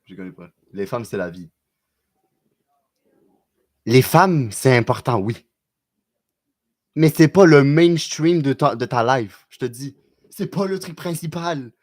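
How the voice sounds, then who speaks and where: A man's voice: mid-range voice, animated, a little mellow. Québécois guy on a live stream, slangy, stumbles and restarts a lot, chill chat with viewers. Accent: Québécois French. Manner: loose and slangy, lots of quick restarts.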